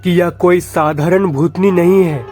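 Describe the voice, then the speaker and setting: A man narrating a scripted horror story with slow suspense. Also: high voice, steady tone, a little mellow. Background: faint background music.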